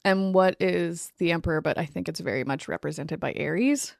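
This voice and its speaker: Gravelly-voiced woman co-hosting a podcast. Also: fairly low pitch, brisk, a little mellow, dry recording, clean studio sound. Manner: laughs often, reads aloud then chats. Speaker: podcast co-host. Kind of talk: casual chat and reading tarot card meanings. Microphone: remote call recording.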